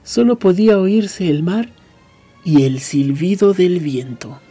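Mellow, husky male radio reader. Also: high-pitched, animated, takes it slowly, faint music behind. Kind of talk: reading aloud on the radio.

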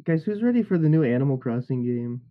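A man's voice: mid-range voice, big pitch swings, fast talker, phone-quality sound. A young man who does voice acting, chatting casually with friends in a rambling, jokey way full of fillers. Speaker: voice actor. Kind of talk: casual group chat.

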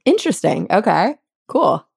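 A woman's voice: fairly low pitch, very animated, moderate pace, vocal fry, slightly rough, no echo, clean studio sound. A woman in her thirties hosting a podcast, chatting in an upbeat way and laughing easily. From Texas. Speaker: podcast host. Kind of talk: casual interview chat.

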